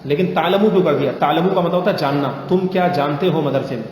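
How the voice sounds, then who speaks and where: Brief: male teacher in a live grammar class, slightly high voice, patient and questioning, roomy echo with faint hiss. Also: a little mellow. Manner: patient, corrects students with questions. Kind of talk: interactive classroom lesson.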